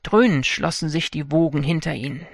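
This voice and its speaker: A man narrating a fairy tale for an audiobook in a calm, measured storytelling manner. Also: fairly high pitch, vocal fry, no room sound, studio quality.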